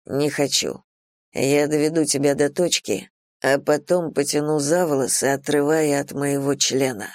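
A woman reader voicing a dominant, teasing man in an erotic romance audiobook, speaking low, slow and hushed. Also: steady tone, no echo, clean studio sound, natural voice. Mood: teasing, commanding.

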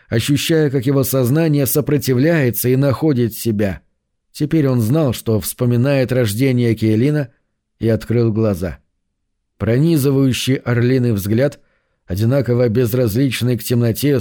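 A man narrating a science fiction audiobook in an even, measured way. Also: medium pitch.

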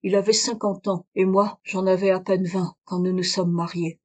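A woman's voice: medium pitch, little pitch movement, normal speed, darkish tone, close to an everyday voice. A woman reading aloud, voicing a dignified foreign woman who speaks in a firm, earnest way with a foreign accent. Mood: scornful. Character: proud exiled woman, dignified, confessing a crime.

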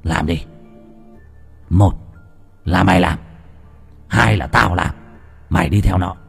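A brutal old master of the house , as a male narrator puts him on, barking curses and threats at full volume. His husky voice swings widely as he rages, in a horror audiobook. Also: lowish voice, big pitch swings, fast, big-room sound, soft background music, exaggerated voice. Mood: menacing. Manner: shouting, cursing, threatening.

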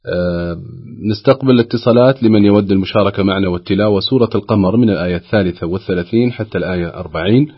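A man hosting a call-in Quran recitation program, announcing briskly. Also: lowish voice, breathy edge, muffled recording. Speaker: program host.

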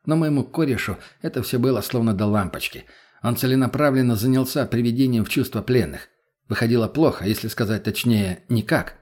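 A male audiobook narrator with a blunt, crude, matter-of-fact delivery. His voice sits in a middle pitch, plain and steady. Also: brisk.

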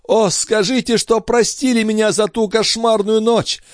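A man voicing a proud young noblewoman, distraught and furious, crying out in a raised falsetto. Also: animated, a little fast, dry recording, studio quality, lightly acted. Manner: shrieking, sobbing cries in a raised falsetto. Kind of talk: dramatic audiobook reading.

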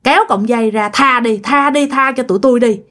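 A woman's voice: on the high side, a little fast, a bit bright, close to an everyday voice. A woman voicing a pleading female ghost who begs to be spared from the cold, in a told ghost story. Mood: begging. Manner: begging, plaintive.

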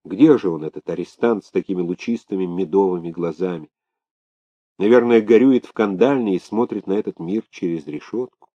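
Dark-voiced male audiobook narrator. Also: deep voice, a little fast, no room sound, lo-fi sound. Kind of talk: scripted narration.

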